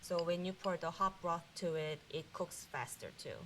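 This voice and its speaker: A woman's voice: on the low side, moderate pace, a bit bright. A woman giving explanatory food commentary as a chef on a tasting panel. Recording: clear background hiss.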